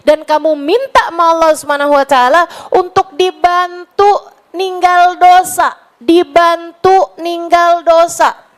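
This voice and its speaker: A woman's voice: very high voice, fairly even intonation, slow, poor audio. A woman preaching a sermon to a women's gathering, talking casually and then turning fervent, slipping into prayer and quoting Arabic. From Indonesia.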